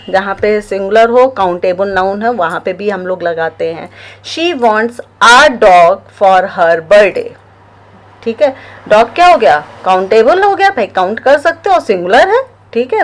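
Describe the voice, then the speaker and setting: A woman with an Indian accent teaching a grammar lesson, explaining step by step and checking in often with her listeners. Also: medium pitch. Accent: Indian English. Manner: explains slowly with frequent check-ins, reads English examples very slowly. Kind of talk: classroom-style grammar lesson.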